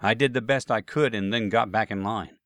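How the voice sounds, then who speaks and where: A man's voice: on the low side, moderate pace, fairly bright tone, dry recording, studio quality. A man narrating a first-person travel anecdote with wry, self-deprecating humor. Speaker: storyteller.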